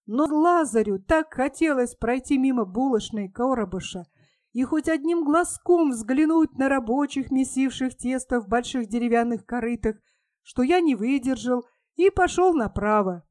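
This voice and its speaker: High-voiced woman reading a story. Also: lively intonation, moderate pace, darkish tone, no echo, clean studio sound. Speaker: audiobook reader. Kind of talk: scripted narration.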